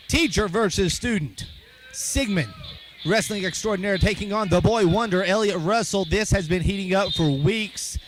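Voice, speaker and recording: A man calling a wrestling match as play-by-play commentator. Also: high-pitched. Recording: loud venue noise behind voice.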